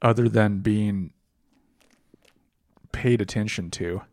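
A man's voice: lowish voice, takes it slowly, a little mellow, no room sound, studio quality. A man co-hosting a podcast in casual chat, ranting bluntly and swearing often. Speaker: podcast co-host.

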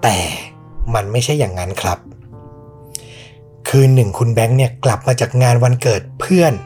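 A man's voice: mid-range voice, animated, moderate pace, a little mellow, faint music behind. A man hosting a podcast, telling a true ghost story in a suspenseful, conversational way. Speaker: podcast host.

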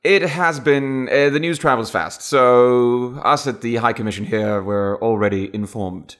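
A man's voice: medium pitch, unhurried, fairly bright tone, lightly acted. A man voicing a posh, formal British diplomat with a put-on upper-class British accent, clipped and courteous.

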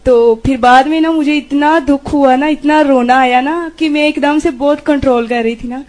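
A woman's voice: sits high, steady tone, a little mellow. A woman student telling her class a personal story in a chatty, rambling way. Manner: chatty, tag-filled storytelling.

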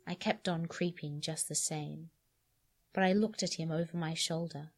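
A woman podcast host giving an expressive dramatic reading of a story, dropping to hushed lines and rising to sharp cries, then chatting casually about it. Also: deep voice, normal speed.

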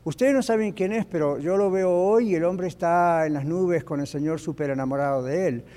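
A male pastor preaching an animated teaching sermon in church, dropping in English phrases. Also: fairly high pitch, moderate pace. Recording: echoey church hall.

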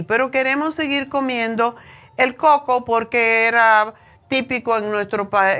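Speaking at a medium pitch with a slightly bright sound, this nutrition show host, a woman in her sixties from Cuba with a Cuban Spanish accent, delivers an opinionated, informal health talk and hesitates often.

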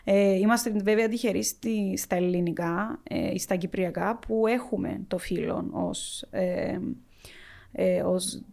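Creaky-voiced woman with a Cypriot Greek accent. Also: mid-range voice, steady tone, darkish tone. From Cyprus. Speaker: interview guest, linguist. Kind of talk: conversational interview answers.

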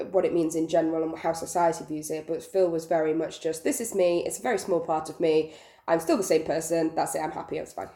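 Croaky woman podcast host, mellow and creaky. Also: low-pitched. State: ill, croaky. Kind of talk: casual podcast chat. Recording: roomy echo.

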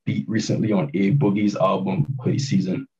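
Heard over dull, distant, lo-fi call audio, a Barbadian hip hop producer in his late twenties talks casually in an interview. His low voice is level, brisk and a little mellow, though he hesitates often with fillers and restarts.

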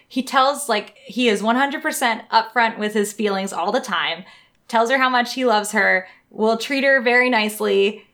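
A young woman in a laid-back podcast chat, talking with animated energy and lots of "like" fillers. Her voice sits a bit high and carries a gravelly, creaky edge. She laughs easily as she talks. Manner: animated and giggly, many "like" fillers. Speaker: podcast co-host. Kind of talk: casual chat reviewing manga.

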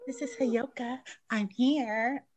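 A woman's voice: a little high, takes it slowly, a loud crowd. A woman on a casual group chat whose voice comes through faint and muffled, as if through a wall, with a boastful, playful way of talking. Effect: faint and muffled, as if heard through a wall.

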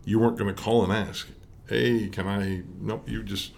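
A middle-aged man, a small business owner, telling stories in an animated, emphatic way as a guest. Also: fairly low pitch, normal speed, vocal fry. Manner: animated, emphatic retelling with quoted dialogue. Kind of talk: conversational storytelling.

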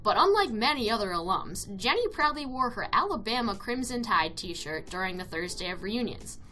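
Bright-voiced woman narrating a profile. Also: medium pitch, big pitch swings, normal speed. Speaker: host, narrator. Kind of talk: scripted narration.

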